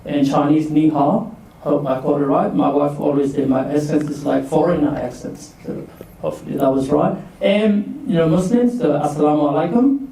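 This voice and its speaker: A man's voice: a little high, steady tone, moderate pace, vocal fry, mellow. A man in his forties from Burma, a leadership coach giving a chatty workshop talk to students and asking them to raise their hands. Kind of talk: casual presentation to students. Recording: echoey room from far off.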